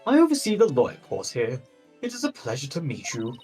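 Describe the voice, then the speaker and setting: A man's voice: mid-range voice, huge pitch swings, fairly quick, darkish tone, far from the mic, faint music behind. A man voicing a flamboyant, pompous law professor from a game, exclaiming in flowery, grandiloquent phrases. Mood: grand, delighted.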